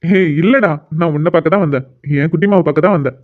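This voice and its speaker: Quick-talking teasing older brother voiced by a performer, reassuring, cartoon voice, tinny phone-like sound. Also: mid-range voice, lightly acted. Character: caring older brother back from abroad. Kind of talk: cartoon voice acting.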